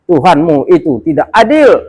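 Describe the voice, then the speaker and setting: A man voicing a proud, furious male devil in a told religious story, shouting his defiance in a raised voice. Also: big pitch swings, normal speed, husky, rough recording. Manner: shouting high-pitched defiance.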